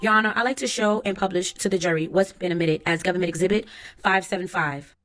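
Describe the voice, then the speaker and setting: A woman's voice: on the low side, fast, fairly bright tone, lightly acted. A woman reading aloud a court transcript as the lines of a lawyer, who asks formal, methodical questions, with faint music behind her.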